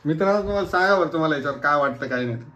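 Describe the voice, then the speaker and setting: A man's voice: on the high side, expressive, racing, pushed and bright. Teasing Marathi-accented man, family vlog. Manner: teasing, laughing, addressing viewers directly. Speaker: vlogger. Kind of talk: casual family vlog chat.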